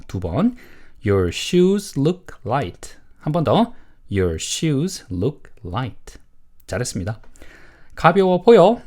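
A man teaching elementary English, explaining in lively bursts and reading model sentences slowly for repetition. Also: fairly high pitch.

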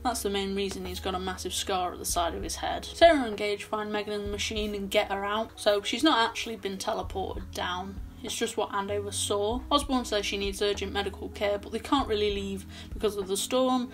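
A woman's voice: mid-range voice, fairly even intonation, a little fast, hardly any pauses. A young woman recapping a horror film in a casual, chatty way with sarcastic asides, filmed in a small bedroom at her desk. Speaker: film reviewer.

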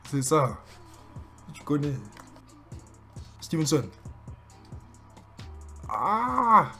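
A young man with a French accent commentating his own basketball video game, excitable and joking as he hypes his plays. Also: on the high side. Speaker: gaming streamer. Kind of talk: live gameplay commentary.

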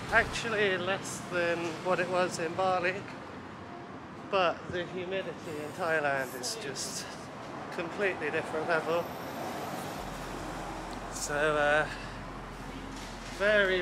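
A man's voice: high-pitched, fairly even intonation, takes it slowly, heavy background noise. A man in his thirties chatting casually to a handheld camera as a travel vlogger on city streets, teasing and laughing often. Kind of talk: casual vlog chat. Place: outdoors on busy city streets and night market. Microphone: handheld camera at arm's length.

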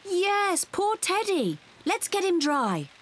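An actress playing a kind, patient mother pig in a cartoon, gentle and explaining. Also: very high-pitched, sing-song, slow, a little hiss or hum, exaggerated voice. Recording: cartoon with music underneath.

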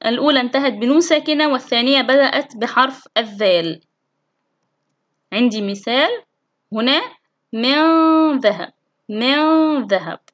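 A woman's voice: on the high side, fairly bright tone. A woman teacher giving a recorded recitation lesson to children, asking questions and answering them herself. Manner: recites example words slowly and carefully.

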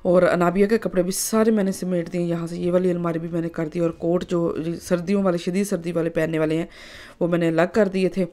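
A woman's voice: on the low side, flat delivery, brisk, dark tone. A woman, narrating her home vlog in a chatty way, full of filler phrases. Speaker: vlogger.

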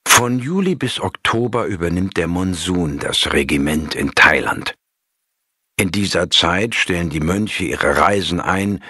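A man reading a story aloud in a calm, measured storytelling manner. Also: low voice, breathy edge, dry recording, clean studio sound. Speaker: audiobook narrator. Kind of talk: scripted narration of a story.

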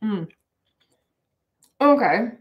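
A woman in her forties, streaming live while she bakes at home, talks expressively to viewers with drawn-out words at a medium pitch. Her rambling, casual chatter comes through dull audio from a camera on the counter.

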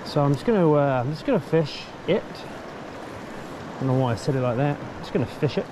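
A middle-aged man fly fishing outdoors, thinking aloud and getting excited, filmed on a body-mounted action camera. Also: on the high side, moderate pace. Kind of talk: casual self-filmed commentary. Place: outdoors by a river. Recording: clear river and wind noise. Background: flowing water.

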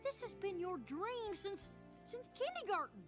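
A plain-spoken, hardworking friend. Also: female voice, very high voice, sing-song, measured pace, exaggerated voice. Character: down-to-earth hardworking young woman, loyal friend. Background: background music.

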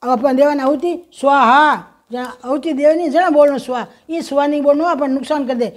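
Woman, Rajasthani accent, high-pitched, folksy, motherly, ritual instruction with slow chanting. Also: mellow. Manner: folksy, motherly, addresses viewers as children; slow, sing-song chanting of mantras. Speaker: home ritual teacher. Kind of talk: instructional talk with mantra chanting.

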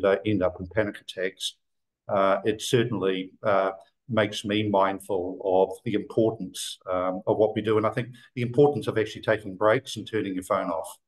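Joining a video call from an office room indoors, an older man from New Zealand talks with a lowish voice. He wanders conversationally, with plenty of fillers, restarts and little detours, and the recording is rough.

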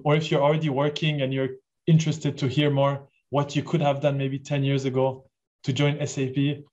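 A man's voice: medium pitch, a little mellow. A man in his forties from Switzerland, hosting an online session in a chatty, enthusiastic way and asking the audience questions. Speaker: webinar host. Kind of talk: casual presentation on a video call. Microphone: video call. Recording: dull lo-fi video call audio.

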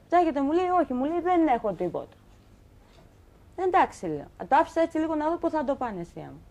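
Young woman, talk-show guest, animated storyteller who acts out quoted lines; fairly high voice. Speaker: guest telling her story. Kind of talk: emotional personal account on a talk show.

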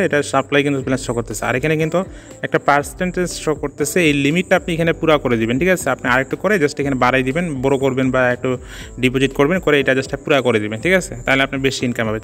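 Rapid-talking man, tutorial voice-over. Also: fairly high pitch, fairly bright tone. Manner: rapid, peppers speech with "so", "just" and "ঠিক আছে?". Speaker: crypto tutorial channel host. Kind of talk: casual screen-recorded tutorial.

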